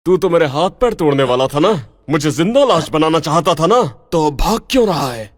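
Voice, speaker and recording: A man dubbing a young martial arts hero who speaks in calm, menacing threats. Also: on the high side, fairly quick, no echo, clean studio sound. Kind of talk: Hindi drama dub. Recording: music underneath.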